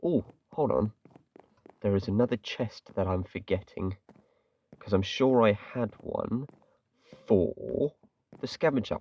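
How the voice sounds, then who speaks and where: This English-accented man sounds fairly low and warm, with lively intonation and a slow delivery full of long pauses. Hosting a gaming channel, he offers chatty, rambling commentary on his play, self-deprecating and heavy on words like "kinda." The mic sits at a distance.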